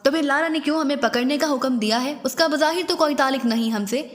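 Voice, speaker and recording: A woman's voice: sits high, fast talker, close to an everyday voice. A woman reading as an icy, menacing male agent. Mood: firm. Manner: icy and threatening. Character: cold, menacing male intelligence major. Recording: long reverberant echo.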